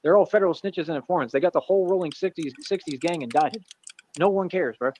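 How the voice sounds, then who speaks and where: Fast-talking brash man in his thirties. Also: fairly high pitch, darkish tone, a little hiss or hum. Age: 30s. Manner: brash, repetitive, taunting. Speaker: streamer in a played clip. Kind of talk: boastful trash talk.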